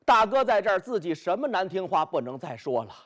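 A man performing traditional storytelling, animated and speaking directly to his listeners. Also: high-pitched, fairly quick. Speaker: pingshu storyteller.

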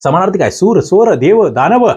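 Man, exam-prep grammar teacher, lively, somewhat high voice, animated pitch. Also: normal speed, slightly rough. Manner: lively, coaxing, asks students questions.

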